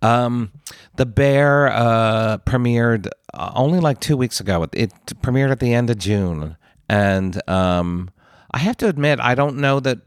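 A man's voice: mid-range voice, expressive, measured pace, clear, resonant tone, no room sound, studio quality. A man co-hosting a casual pop culture chat podcast, with a theatrical, emphatic, campy delivery. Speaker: podcast co-host.

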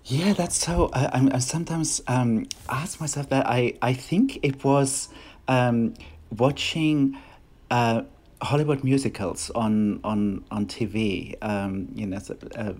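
A middle-aged man with a German accent chats casually as an interview guest, speaking English as a second language. He's a choreographer and dancer who sounds hesitant, frequently restarting phrases and using fillers. His voice is medium-pitched, steady and darkish, and he speaks slowly.

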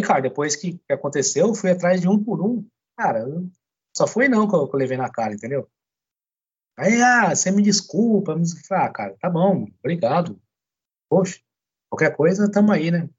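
A man's voice: on the high side, slightly rough, muffled recording. A man with a Brazilian Portuguese accent, a podcast guest casually telling a personal story and acting out the dialogue of others. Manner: animated, quotes others in dialogue, frequent "cara" and "né".

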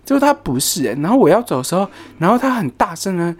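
An animated vlogger telling a workplace story, the pitch leaping up and down as the talk runs on. The delivery is exclamatory and loose, with English words and curses dropped in. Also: fast talker, slightly rough. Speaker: HR worker telling a work story. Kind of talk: casual storytelling vlog.

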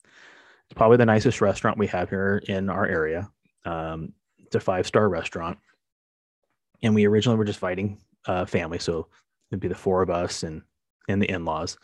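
A man's voice: low-pitched, steady tone, brisk, pauses often, no echo. A middle-aged man, a podcast host, talking in a casual, rambling monologue full of fillers. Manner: rambling, conversational with many fillers.

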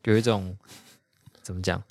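A man's voice: low-pitched, level tone, normal speed, creaky, a little mellow, no echo. A man co-hosting a casual podcast, wry and chatty, laughing easily, close to his mic. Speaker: podcast co-host.

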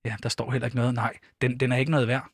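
A man's voice: medium pitch, flat delivery, husky, dry recording. A man co-hosting a satirical comedy podcast in a studio, playful and mock-earnest. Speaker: podcast co-host.

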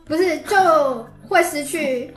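A woman's voice: high voice, takes it slowly, reverberant, faint music behind. A woman with a Taiwanese Mandarin accent explaining things casually as a podcast guest.

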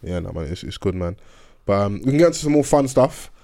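Fast-talking London roadman, casual and slangy. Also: lowish voice, sing-song, gravelly, dark tone. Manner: street slang-heavy roadman talk. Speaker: podcast host. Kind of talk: casual chat.

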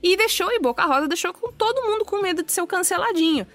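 A woman host telling a story in casual chat, animated and playful, slipping into quick impressions. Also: extremely high pitch.

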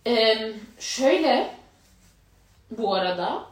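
A young woman chatting casually as a podcast host, telling anecdotes with lively acted-out quotes. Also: a little high, slow pace, roomy sound. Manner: animated storyteller, acts out quoted dialogue. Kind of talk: casual chat.

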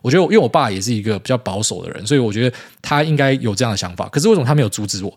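A man's voice: medium pitch, animated, very fast. A man, chatting casually and bluntly, swearing often as he rambles through listener questions. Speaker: podcast host answering listener questions. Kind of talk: casual chat.

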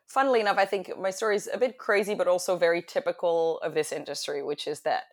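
Guest: young woman, American accent, chatty, a little low-pitched. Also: steady tone, fast talker. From France. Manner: chatty, with frequent fillers and restarts. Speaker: guest, hospitality business owner. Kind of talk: casual conversational interview.

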